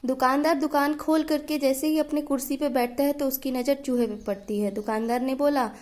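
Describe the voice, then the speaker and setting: A woman's voice: high-pitched, fairly even intonation, fairly quick, darkish tone. A woman telling a children's story in a simple, friendly narrating manner.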